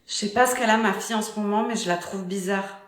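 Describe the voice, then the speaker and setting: A woman's voice: medium pitch, fairly even intonation, quick pace, echoey room, natural voice. A woman's text-to-speech voice playing a fed-up, suspicious young partner and mother in a scripted story. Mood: worried.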